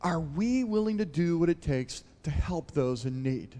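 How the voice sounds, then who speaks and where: A man's voice: a little high, animated, a little slow, mellow. A male pastor giving a conversational sermon, retelling a Bible story and asking the congregation questions. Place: church hall. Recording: long hall reverb.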